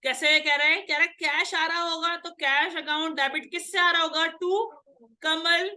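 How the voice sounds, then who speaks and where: A woman's voice: extremely high pitch, fairly even intonation, normal speed, sharp tone. A woman teaching an accounts class, lecturing and drilling students with questions in a scolding, teasing way.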